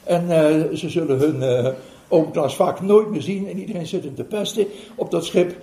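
Older guy spinning a meditation tale, high voice, lots of ums, echoey room. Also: moderate pace. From Netherlands. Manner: animated, chuckling, hesitant fillers. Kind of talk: storytelling talk to an audience. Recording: roomy hall recording.

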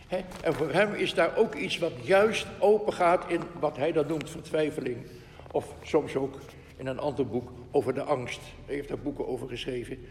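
A man's voice: on the high side, long reverb tail, a little hiss or hum. A man giving an earnest, reflective spiritual talk and reading quotations aloud, with frequent asides.

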